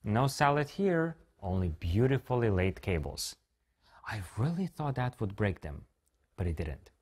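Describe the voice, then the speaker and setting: A man hosting a product launch, his voice rising and falling in a lively way as he jokes. He keeps poking fun at himself between scripted lines, playful throughout. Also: on the low side, unhurried. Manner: playful, self-mocking, joking asides. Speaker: launch event presenter. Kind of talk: scripted comedic product presentation.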